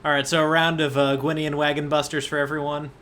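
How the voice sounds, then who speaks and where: A man's voice: on the high side, flat delivery, quick pace, a bit bright, a little hiss or hum. A man working as game master, narrating a tabletop game in a casual way.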